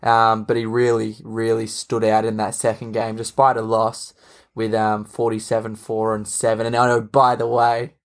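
A man's voice: on the low side, monotone, moderate pace. A man co-hosting a casual sports podcast, enthusiastic and opinionated. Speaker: podcast co-host.

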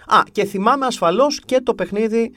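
A man's voice: high voice, bright, forceful tone, dry recording. A man chatting casually as a podcast co-host, telling stories with wry, grumbling humor. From half English. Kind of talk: casual chat.

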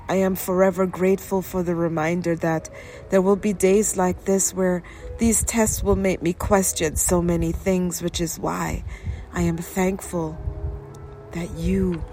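Woman, spoken-word prayer poem, unhurried delivery, lowish voice, hushed whispery endings, faint music underneath. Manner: slow, drawn-out phrasing that drops to a whisper. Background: soft music.

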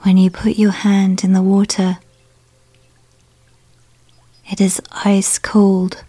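A woman guiding a relaxation exercise in a soft, hushed voice that often drops to a whisper. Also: medium pitch, completely flat delivery, unhurried, husky. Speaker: meditation guide. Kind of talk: guided relaxation narration.

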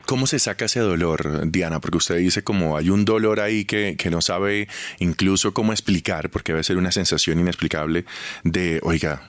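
A man's voice: sits low, normal speed, no echo. A man hosting an interview, asking probing and empathetic questions. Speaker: interviewer host.

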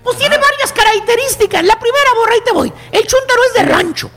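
A man with a Mexican accent hosting a comedy radio show, mocking and rowdy, often breaking into shouts. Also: extremely high pitch, fast talker.

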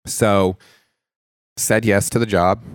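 A man's voice: on the low side, little pitch movement, slow pace, clear, resonant tone, no echo. A man earnestly telling a personal faith story in a casual podcast chat, often checking in with "right?". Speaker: mentor and lighting designer.

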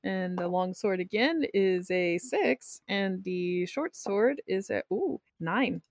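Female tabletop player; mid-pitched, dry close recording, casual delivery. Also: lively intonation, slow, dry recording. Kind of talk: casual game chat.

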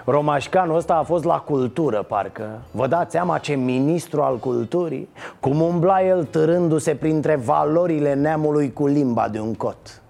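Male satirical host, slightly high, gravelly, mocking and punchy delivery. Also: a little mellow. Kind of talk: satirical news monologue.

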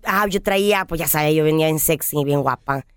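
A woman's voice: low voice, a little fast, clear, resonant tone, dry recording. Chatty radio co-host woman. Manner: chatty storyteller, laughs often. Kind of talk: comic radio chat. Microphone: studio mic.

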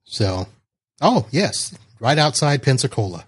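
A man's voice: mid-range voice, big pitch swings, unhurried, slightly rough. A man from Florida hosting a casual podcast, chatty and often laughing as he reads. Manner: chatty, laughs while reading. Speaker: podcast host.

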